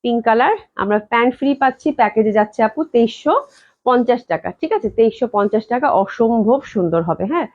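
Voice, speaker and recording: A Bangladeshi woman hosts a live clothing sale, animated and talking fast in a fairly high voice, yet deliberately slowing down to hold back a cough. She repeats prices constantly and sprinkles English phrases through her chatter, with dull, lo-fi audio typical of a live stream.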